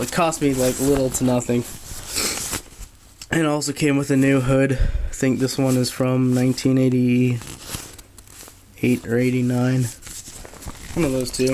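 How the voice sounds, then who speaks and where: A man giving a casual, unscripted gear review in a halting, low-key way with frequent pauses. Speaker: military surplus collector reviewing gear. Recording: steady background noise, handheld camera.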